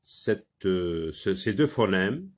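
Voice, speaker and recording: Slow, halting man teaching phonics. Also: low-pitched, animated, a little mellow. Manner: slow, halting, many fillers, repeats words for drilling. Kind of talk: phonics lesson.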